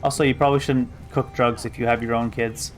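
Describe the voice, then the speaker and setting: A man gives casual playthrough commentary as a streamer. His voice sits at a middle pitch as he muses to himself, with faint game music behind him. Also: little pitch movement, a little fast. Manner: musing aloud to himself.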